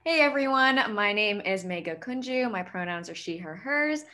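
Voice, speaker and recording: A young woman from Michigan introduces herself on a student panel. Her voice is bright and forward, and her manner is friendly and casual. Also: medium pitch, animated, normal speed. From Northville, Michigan, USA. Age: young adult.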